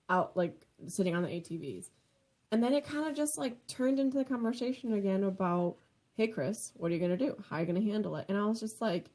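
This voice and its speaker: A woman's voice: medium pitch, darkish tone. A woman co-hosting a casual podcast, rambling through a story and quoting what she said. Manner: rambling, many fillers, quotes herself. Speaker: podcast co-host. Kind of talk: casual chat recapping a reality show.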